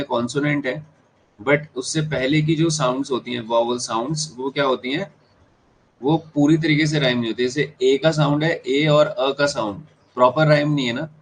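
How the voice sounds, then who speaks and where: Indian man, exam-prep teacher, repeats terms, checks understanding, mid pitch, faint hiss behind. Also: poor audio. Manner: mixes Hindi and English, repeats key terms, checks students understand. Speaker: English teacher. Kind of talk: classroom lecture.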